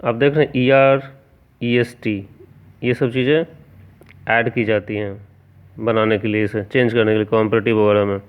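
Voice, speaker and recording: A man's voice: on the low side, steady tone, moderate pace, pauses often, clean tone. A man teaching a grammar lesson who spells words out letter by letter and keeps asking the class rhetorical questions. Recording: tinny phone-like sound.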